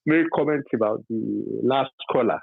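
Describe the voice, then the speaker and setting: A man in his fifties from Nigeria with a Yoruba accent, calling in to a radio talk show to give his opinion, halting and full of fillers, then emphatic. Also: mid-range voice, gravelly, breathy edge, dry recording. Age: 50s. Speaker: caller. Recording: dry tinny phone line.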